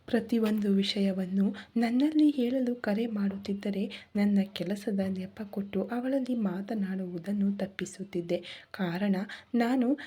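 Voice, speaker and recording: A woman voicing a remorseful young wife in whispered role-play, soft and confessional. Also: medium pitch, background noise, lightly acted. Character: remorseful young wife, tearful, self-blaming.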